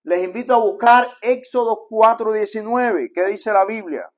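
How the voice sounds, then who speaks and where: A man's voice: high voice, moderate pace. A man with a Cuban accent preaching a sermon as a pastor, talking to the congregation in a conversational way and acting out the quotes. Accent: Cuban Spanish. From Cuba. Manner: conversational preaching, acts out quotes softly then builds in volume. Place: church sanctuary.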